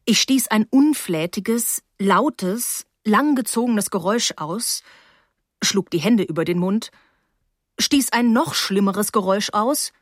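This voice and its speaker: A woman narrating an audiobook in the first person, with lively, wry storytelling at an ordinary middle pitch. The recording is close and dry, with no room sound. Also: slow, dry recording.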